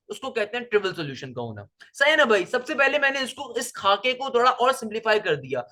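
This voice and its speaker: A man's voice: very high-pitched, bright, forceful tone. Man teaching maths, repeating himself. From Pakistan. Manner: repetitive, rhetorical questions to students; mixes English terms into Urdu speech. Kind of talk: classroom lecture.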